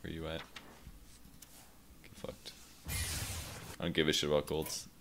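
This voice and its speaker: A man's voice: extremely low pitch, monotone, a little slow, noisy background. A man casually commenting on his own card game play as a streamer, self-deprecating and swearing freely.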